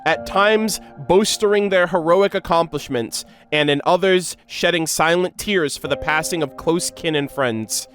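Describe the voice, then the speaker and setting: Slightly high and a bit bright, a man's voice carries a stream where he reacts to game lore, reading passages aloud and commenting in an emotive, slangy, easygoing way.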